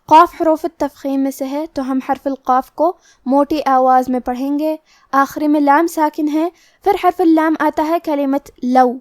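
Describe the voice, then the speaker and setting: High-voiced woman teaching Quran pronunciation. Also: fairly even intonation, no room sound, studio quality. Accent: Pakistani Urdu. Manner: slow, deliberate, spells out each sound. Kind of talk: tajweed lesson, explaining pronunciation rules.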